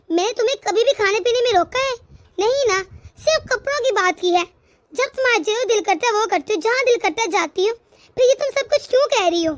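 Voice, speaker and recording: A woman plays a strict middle-aged mother-in-law in a cartoon family story. She lectures and scolds in a very high voice. The recording is dry and close. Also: no echo. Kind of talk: cartoon voice acting.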